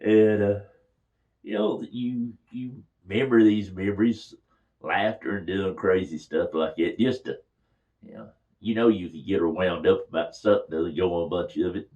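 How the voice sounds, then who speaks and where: Older man, low voice. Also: normal speed, dark tone, muffled recording. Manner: folksy, chuckles through his stories. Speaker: storyteller. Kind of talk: casual reminiscing.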